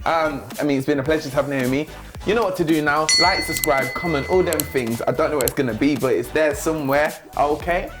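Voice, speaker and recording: A man's voice: a little high, a little fast, loud music behind the voice. A man hosting a casual chat show interview, upbeat and encouraging toward his guest. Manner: upbeat, encouraging, ends with blessings.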